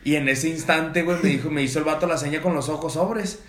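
A man's voice: fairly high pitch, fast talker, echoey room. A man telling a funny party story to friends, acting out the voices of people in it and using heavy slang. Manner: animated, acts out quoted voices, heavy slang. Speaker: podcast host. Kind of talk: casual storytelling among friends.

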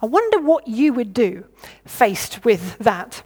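A woman with a fairly high voice preaches a sermon. She thinks aloud and asks her listeners what they would do. She sometimes stops and starts over her words. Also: big pitch swings, slow, a little mellow, husky. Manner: reflective, asks the listeners questions.

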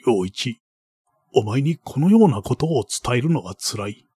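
A man voicing an old baron who is gentle and grieving and speaks in an old-fashioned way. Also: big pitch swings, unhurried, slightly rough, no echo, clean studio sound, heavily acted. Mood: sorrowful. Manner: soft, low, old-fashioned phrasing.

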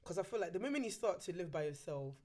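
A woman's voice: fairly low pitch, expressive, fast, dark tone. A young woman with a London accent, speaking earnestly in a casual chat with friends and often checking that they follow. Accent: London English. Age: 20s. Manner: earnest, tag questions.

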